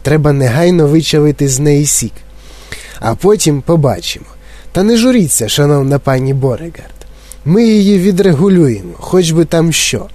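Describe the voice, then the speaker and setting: A man voicing a fussy, eccentric candy maker who talks in soft, rueful sighs. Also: fairly high pitch, animated, normal speed, dry recording, close to an everyday voice.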